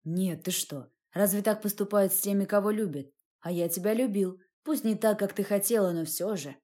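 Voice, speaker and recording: A woman reading the part of a cold, cruel man who speaks with calm, cutting contempt in an audiobook. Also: medium pitch, normal speed, close to an everyday voice. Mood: falsely tender.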